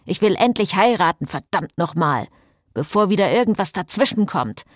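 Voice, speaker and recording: A woman voicing an impatient man, a groom who scolds and curses loudly in an audiobook. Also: on the low side, very animated, moderate pace, no echo, clean studio sound. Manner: scolding, loud.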